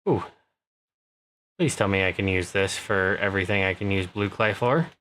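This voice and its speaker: Low-voiced man muttering over gameplay. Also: moderate pace, fairly bright tone, slight background noise. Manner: mumbled, thinking aloud to himself. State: hiccups. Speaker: gaming channel host. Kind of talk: casual gameplay commentary.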